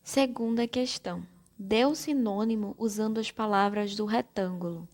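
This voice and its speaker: A woman teacher with a Brazilian Portuguese accent, giving a slow, careful primary-school lesson and spelling out syllables one by one. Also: mid-range voice, a little mellow. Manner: spells out syllables slowly and deliberately.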